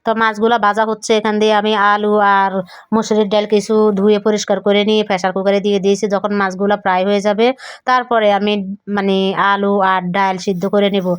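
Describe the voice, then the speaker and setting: A young woman from Bangladesh chatting homely through a cooking voice-over, her voice a little hoarse. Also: mid-range voice, flat delivery, fast talker, dry recording, clean studio sound. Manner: chatty, homely, describing each step. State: voice keeps going hoarse. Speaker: cooking vlogger. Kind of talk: recorded voice-over for a cooking vlog.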